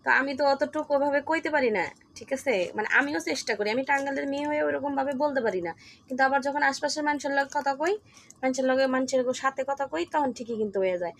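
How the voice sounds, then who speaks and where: A woman's voice: high voice, fast talker. A woman from Tangail with a Tangail Bengali accent, chatting casually and laughing as she tells a story at home while cooking. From Tangail, Bangladesh. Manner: chatty and laughing, mixes dialect words. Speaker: vlogger.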